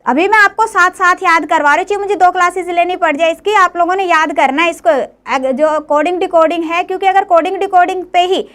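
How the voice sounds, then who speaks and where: A woman's voice: very high voice, brisk, hardly any pauses, a bit bright. A woman teacher giving a classroom lecture, often coaxing her students with questions as she goes. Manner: coaxing, often asks "clear, beta?".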